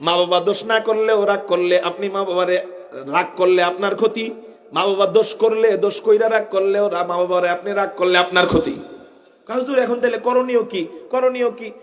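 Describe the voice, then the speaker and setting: High-voiced impassioned man preaching. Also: fairly even intonation, highs cut off. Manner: impassioned, calls out to the crowd, chants Arabic verses slowly. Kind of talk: Bengali waz sermon.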